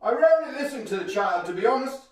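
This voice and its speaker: Brief: man doing a pompous rich caller on speakerphone, very high and posh, distant and echoey. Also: animated, quick pace, darkish tone. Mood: haughty. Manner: haughty, brusque, posh. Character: pompous wealthy older yacht-club man.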